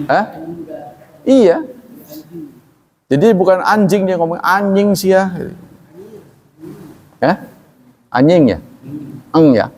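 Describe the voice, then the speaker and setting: A male Islamic teacher gives a study-circle lecture in a relaxed, chatty way, breaking down Arabic terms and checking with his listeners. His voice sits at an ordinary middle pitch. The recording carries a long, lingering reverb from a large hall. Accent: Indonesian, from Banten region. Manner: conversational, explains Arabic terms, asks audience questions.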